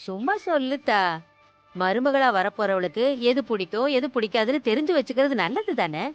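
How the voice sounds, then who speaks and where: An actress playing an affectionate, homely village aunt in a TV serial. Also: female voice, a little high, lively intonation, brisk, highs cut off, soft background music, natural voice. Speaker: Senthil's aunt. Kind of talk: TV serial acting.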